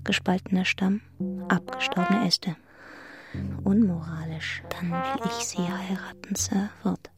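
Jane Eyre, earnest governess over music. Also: female voice, on the low side, a little slow. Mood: desolate, anguished. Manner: restrained, intense, breaking into hushed fragments. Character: earnest, wounded, resolute young governess narrating her story. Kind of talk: German radio play narration and acting.

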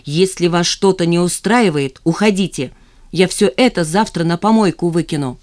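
A reader putting on a furious sharp-tongued woman. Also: medium pitch, normal speed, close to an everyday voice. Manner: angry, raised voice.

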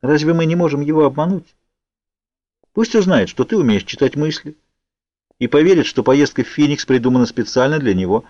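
A man voicing a stubborn, quick-witted teenage girl in a persuasive, pleading manner, on a dull lo-fi audiobook recording. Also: on the high side, lively intonation, dark tone, no echo, voice pushed up, close to an everyday voice.

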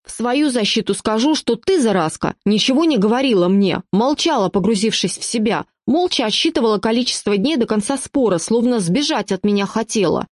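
A woman's voice: a little high, animated, a little fast, few pauses, dry recording, clean studio sound. A woman reading as a teasing young husband. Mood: mock indignant. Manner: teasing, playful.

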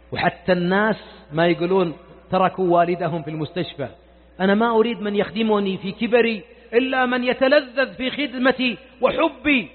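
Impassioned high-voiced Saudi preacher, tinny hall. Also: male voice. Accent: Saudi Arabian. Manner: impassioned, pleading, rhetorical questions. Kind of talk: sermon. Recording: tinny lo-fi recording in a reverberant hall.

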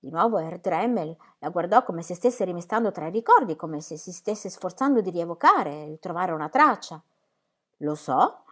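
A woman reading a novel aloud in a measured, expressive way. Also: fairly low pitch. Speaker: audiobook reader. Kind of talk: literary reading.

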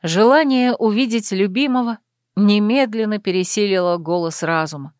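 A woman narrating a first-person romance audiobook in an intimate, measured reading. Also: mid-range voice, darkish tone, dry recording, clean studio sound.

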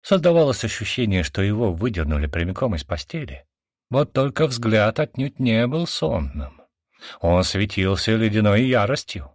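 A man reading a dramatic first-person story aloud, expressive and emotional. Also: fairly low pitch, normal speed, no room sound, studio quality. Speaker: audiobook narrator.

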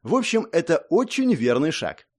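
A man narrating an audiobook in the first person with an expressive reading. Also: on the high side, normal speed.

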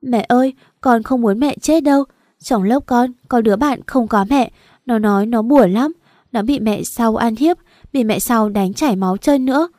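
A little boy sobbing for his mother, as a woman narrator puts him on, pitched higher and pushed louder than her reading voice. His words come out in a begging, tearful child's voice. It is a storybook reading, close and dry. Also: moderate pace, no room sound, natural voice. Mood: crying.

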